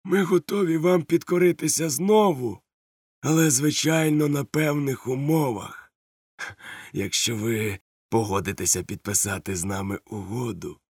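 A man voicing a cunning, jovial older male pirate chief who talks in a smooth, mock-polite way, read as an audiobook. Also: medium pitch, a little slow, a little mellow, dry recording, studio quality, voice pushed up. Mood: wheedling.

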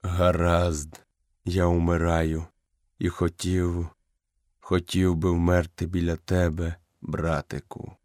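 Male reader doing an old dying wolf chief for a storybook: low, faint, breathless and fond. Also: completely flat delivery, slow pace, a little mellow, no echo, studio quality. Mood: weary, tender. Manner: low, weak, breathless murmur.

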